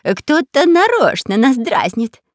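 A storybook narrator voicing a bumbling, greedy male spy who whines and squeals in a high, drawn-out voice. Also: very animated, dry recording, studio quality, heavily acted. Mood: whiny. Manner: whining, squealing.

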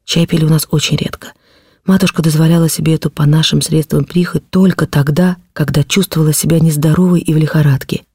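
A woman's voice: deep voice, steady tone, quick pace, darkish tone, breathy edge, no room sound, studio quality. A woman reading a classic novel aloud as an audiobook, narrating in the first person with feeling.

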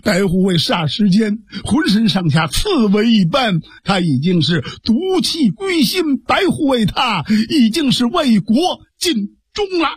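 A blunt captive villain, played by a male storyteller, recounting the grim news plainly and without softening. His voice is high and husky in a dry, close recording. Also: very animated, measured pace, few pauses, no room sound, heavily acted. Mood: reporting. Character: captured villain reporting a death, blunt.

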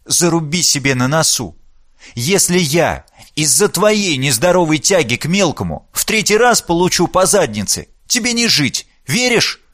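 Audiobook: male reader plays a bossy older sister, curt and threatening, pitched up, dry booth sound. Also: big pitch swings, moderate pace, a bit bright, no room sound. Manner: stern, threatening. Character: sharp-tongued young woman, bossy older sister.

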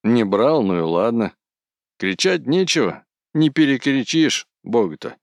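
A man voicing an old, pious wandering man who speaks calmly and reproachfully. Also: medium pitch, a little slow, gravelly, no echo, voice pushed up. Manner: calm, plain-spoken, reproachful.

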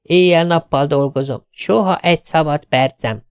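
A gossipy village tailor in his forties, as a male narrator puts him on, lifts his voice well above the reader's own and keeps up an endless theatrical stream of complaints. A gravelly edge runs through the raised tone. The sound is close and dry, with no room around it. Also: a little high, dry recording, pitched above the performer's own voice, natural voice. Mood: complaining, chatty. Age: 40s. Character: chatty, self-pitying middle-aged male village tailor.

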